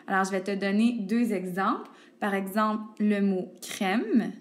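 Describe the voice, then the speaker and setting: A woman speaks at a medium pitch as she teaches young pupils letter sounds. Her pace is patient and unhurried. She spells words out letter by letter and pauses to check in with the children. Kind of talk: recorded phonics lesson for young pupils. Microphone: tablet microphone.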